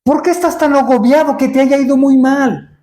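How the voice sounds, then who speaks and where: A man's voice: very high voice, moderate pace, warm tone, roomy sound. A man preaching a sermon in a church, asking the congregation rhetorical questions and acting out Bible scenes.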